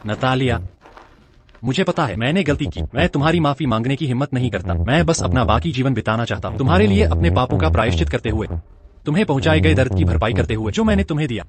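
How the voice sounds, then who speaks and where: A man's voice: mid-range voice, very animated, fast talker, noisy background, natural voice. An actor playing a remorseful male CEO who earnestly pleads for forgiveness, in a Hindi drama dub. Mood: pleading.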